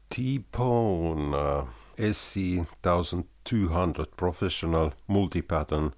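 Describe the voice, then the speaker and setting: A Finnish-speaking hobbyist in his fifties hosts a casual gear demo vlog from a small home studio under a sloped ceiling. His very low, soft bass-baritone voice comes across haltingly with many fillers. He sits close to a studio mic with headphones on.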